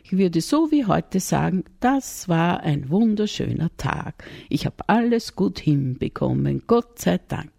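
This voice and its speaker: A woman's voice: on the low side, big pitch swings, measured pace, vocal fry, few pauses, dark tone, dry recording, clean studio sound, pitched above the performer's own voice, heavily acted. A woman with an Austrian accent voicing a timid, tender-hearted little shepherd boy who talks in a dreamy, gushing way.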